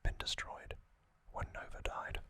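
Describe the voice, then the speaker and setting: In a breathy, fully unvoiced whisper, a male ASMR host tells a story in short, halting phrases. His tone is sharp, with no echo at all.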